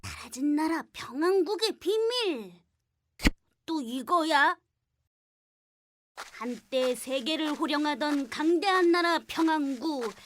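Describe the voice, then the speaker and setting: Very high, whiny young cartoon boy. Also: expressive, slow, pauses often, background noise. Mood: excited, startled. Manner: exclamatory, whiny, cheeky. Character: impatient, grumbling young boy on errands. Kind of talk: animated cartoon acting.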